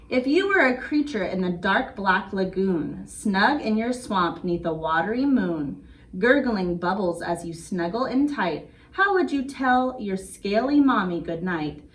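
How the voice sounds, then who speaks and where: Picture-book reading and a craft demonstration for small children are led by a woman whose medium-pitched voice has lively intonation and an unhurried pace. Her delivery is simple and sing-song. The audio is noisy, picked up by a distant mic.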